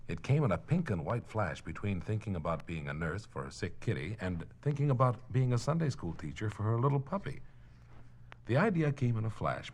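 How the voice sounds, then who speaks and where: Man narrating storybook, very deep voice, lively swings, playful, old mono vinyl.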